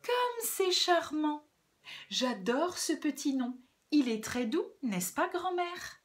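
A whiny crybaby wolf from a children's storybook, as a woman plays him, sobbing and wailing in a very high voice. He hiccups through his complaints. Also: sing-song, slow pace, heavily acted. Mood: sugary.

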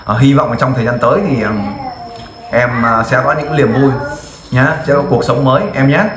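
A man's voice: mid-range voice, steady tone, moderate pace, echoey room, noisy background. Man interviewing with direct, coaxing questions. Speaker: volunteer interviewer. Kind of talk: field interview.

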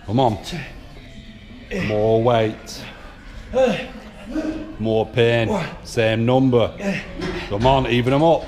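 Music fills the large gym where this northern English coach films himself coaching, calling out terse instructions and counting repetitions. His medium-pitched voice is flat, with drawn-out words and frequent pauses.

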